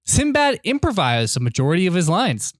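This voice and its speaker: A man's voice: high voice, huge pitch swings, a little fast, no room sound. A young man hosting a podcast, chatting casually and profanely and reading out reviews. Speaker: podcast host. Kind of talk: casual chat.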